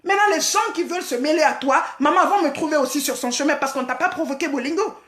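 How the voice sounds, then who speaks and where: A woman from Senegal ranting in a live stream, hurling vulgar, mocking insults, repeating herself and often shouting. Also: high voice, fast talker, reverberant.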